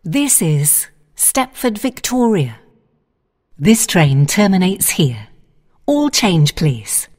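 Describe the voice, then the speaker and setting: A woman giving automated onboard train announcements in a slow, polite, formal manner. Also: on the low side, sing-song, darkish tone, exaggerated voice. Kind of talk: recorded public announcement.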